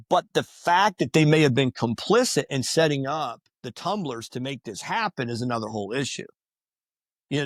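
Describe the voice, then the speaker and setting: A man talking casually on a podcast, telling stories in a lively way and acting out what people said. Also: on the high side, no echo, studio quality. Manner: animated, acts out quoted voices.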